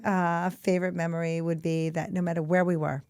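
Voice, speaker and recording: A middle-aged woman hosting a heartfelt talk show, gentle and affectionate, who calls her guests honey. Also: on the low side, little pitch movement, brisk, smooth, dry recording, clean studio sound. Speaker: podcast host. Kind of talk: heartfelt conversation and closing reflection.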